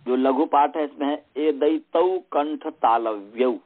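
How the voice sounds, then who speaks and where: Male teacher for an online class, slow and patient, drills sounds over and over, tinny call audio. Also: fairly high pitch. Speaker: Sanskrit teacher. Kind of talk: slow online lesson with chanting. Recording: tinny phone-line audio.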